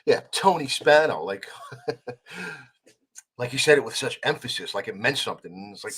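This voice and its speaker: A man's voice: mid-range voice, slightly rough. A man as a podcast guest, telling a heated story in a casual conversation, with some swearing. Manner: fast, animated, swearing, retelling a confrontation.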